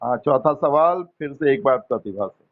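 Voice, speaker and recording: A man teaching an English lesson, quizzing students one by one in a patient, coaxing, gently teasing way. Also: medium pitch, lively intonation, moderate pace, narrow, tinny audio. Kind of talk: online class quizzing students.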